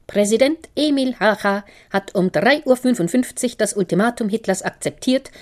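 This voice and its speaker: A woman's voice: fairly high pitch, normal speed, darkish tone, pitched above the performer's own voice, natural voice. A woman voicing a formal news announcer from an old radio broadcast.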